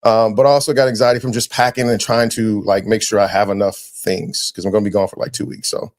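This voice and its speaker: A man hosting a podcast, chatting casually and telling lively stories, dropping "man" often. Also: lowish voice. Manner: animated storyteller, quick, slangy, says "man" a lot. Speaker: podcast host.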